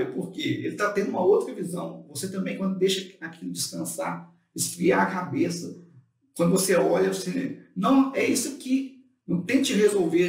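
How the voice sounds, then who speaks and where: A man co-host gives study advice in a chatty way, his slightly high voice carrying a gravelly edge. He sits back from the microphone in a room that echoes. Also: far from the mic. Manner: advising, chatty, with fillers "né" and "tipo assim". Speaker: co-host giving study tips. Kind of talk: casual instructional talk.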